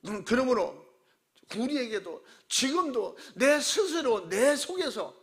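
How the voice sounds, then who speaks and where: A man pastor preaching a sermon, animated and acting out quoted voices with shouts. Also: very high-pitched, takes it slowly.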